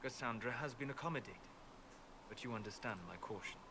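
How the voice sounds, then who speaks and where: An actor playing a calm, scholarly mage in a video game, speaking in a measured, wistful, formal way like a guide to dreams. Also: male voice, mid-range voice, a little hiss or hum. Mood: guarded. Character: calm, scholarly apostate mage, a male dreamer of ancient memories.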